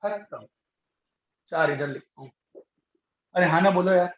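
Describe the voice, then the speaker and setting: A man's voice: high-pitched, a little slow, slight background noise. A male teacher giving a classroom lecture, coaxing students and repeating his questions to them. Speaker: chemistry teacher. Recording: echoey, dull classroom recording.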